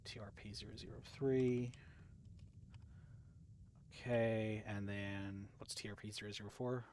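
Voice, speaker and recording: A man's voice: fairly low pitch, steady tone, unhurried, a little mellow, a little hiss or hum. A man in casual military game chatter, muttering to himself as he works through a task. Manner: muttering to himself while working. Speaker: player working out mortar firing solutions.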